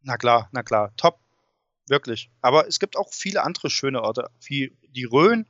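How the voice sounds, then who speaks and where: A man talks casually and with enthusiasm as an interview guest. His pitch is average. The recording is a little dull and muffled. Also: expressive, moderate pace, a bit bright. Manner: enthusiastic, informal. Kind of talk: casual chat. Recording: dull, muffled sound with room echo.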